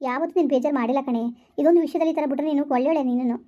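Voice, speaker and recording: A woman's voice: high-pitched, rapid-fire, close to an everyday voice. A woman acting as a concerned friend who gives advice in a village family drama, talking persuasively. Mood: persuading. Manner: persuading, advising. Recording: dull lo-fi recording.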